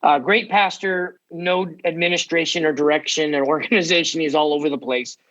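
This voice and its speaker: A man in his forties from the United States, a podcast guest telling his story with energy and quick asides. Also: on the high side, fairly even intonation, a bit bright, dull audio. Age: 40s. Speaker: guest, ministry founder. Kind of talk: podcast interview.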